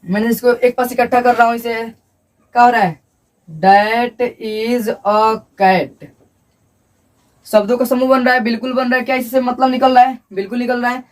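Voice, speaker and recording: A man's voice: very high voice, level tone, quick pace, distant mic. A male teacher giving a classroom lecture at a board, repeating points and asking and answering his own questions.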